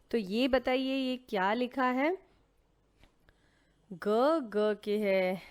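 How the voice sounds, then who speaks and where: A woman's voice: on the high side, smooth. A woman teaching young children to read, patiently sounding out syllables and asking questions she then answers herself. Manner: sounds out syllables slowly, mixing in English words. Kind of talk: children's Hindi reading lesson.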